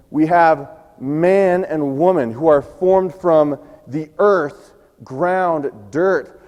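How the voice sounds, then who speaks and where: A man preaching a sermon, telling a scripture story and acting out its quoted lines, his voice going hoarse. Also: a little high, a little mellow, long reverb tail. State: losing his voice. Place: church sanctuary.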